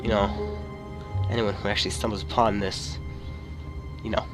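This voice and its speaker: A man's voice: fairly low pitch, flat delivery, moderate pace, over music. Rambling man with a cold, gaming. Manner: rambling, jokey. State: has a cold. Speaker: gaming video host. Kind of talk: casual game commentary.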